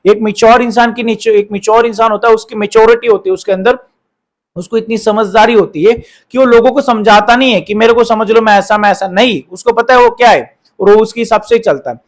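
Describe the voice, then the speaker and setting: A man's voice: high voice, brisk. A man hosting a relationship advice talk, lecturing viewers in a repetitive style full of rhetorical questions and quoted examples.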